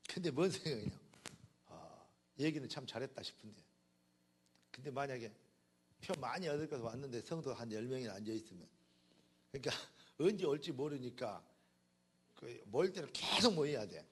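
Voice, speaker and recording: A man preaching a sermon as pastor, in a Jeolla dialect, swinging between loud emphatic declarations and quiet conversational asides. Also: mid-range voice, expressive, moderate pace, long pauses, husky.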